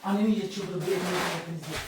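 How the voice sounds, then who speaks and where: A father bossing his kids around at home as he sets up a tent indoors, quick and repetitive, repeating each order. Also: high-pitched, fairly even intonation. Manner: fast, giving orders, repeats himself. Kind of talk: family vlog, playful bossy chatter. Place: home living room. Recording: echoey room from far off, background noise.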